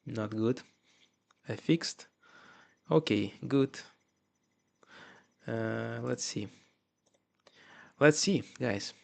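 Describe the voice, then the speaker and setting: A man with a Russian accent talks through a live coding stream, half to his viewers and half to himself. His delivery is slow and halting, with a gravelly edge and frequent restarts. He sits mid-range in pitch. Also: a little mellow.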